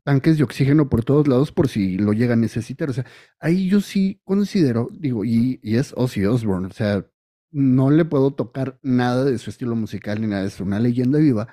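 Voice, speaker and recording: A man with a Mexican accent and a mellow, warm voice at an ordinary pitch. He talks casually on a podcast, setting out his opinions in long stretches. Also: lively intonation, brisk. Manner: opinionated, makes points at length. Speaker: podcast co-host. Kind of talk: casual chat.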